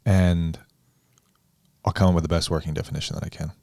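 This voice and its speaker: A man with a very low, deep voice speaks in a measured, deliberate way, choosing his phrasing with care. He talks as a coach in a podcast conversation. The sound is close and dry, with no room around it. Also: level tone, vocal fry, darkish tone, no room sound.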